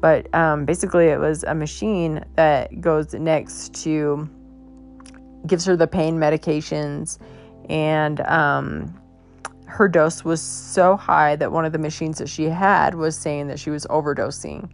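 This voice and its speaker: A woman host telling a personal story in a casual, halting way, her voice worn as if she is losing it. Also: sits low, fairly even intonation, creaky, faint music behind. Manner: halting, many fillers and restarts. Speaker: podcast host.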